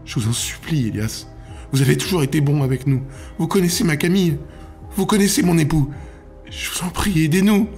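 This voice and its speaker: A man's voice: fairly high pitch, fast talker, few pauses, soft background music, pitched above the performer's own voice, lightly acted. Man voicing a frantic pleading young mother. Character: panicked desperate young mother, woman.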